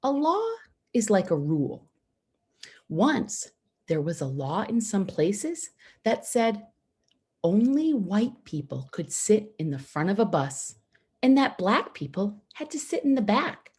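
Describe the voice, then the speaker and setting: With a medium-pitched, slightly rough voice, a woman narrates a children's picture book for schoolchildren. Her reading is slow and expressive, simply phrased, deliberate, and broken by pauses for young ears.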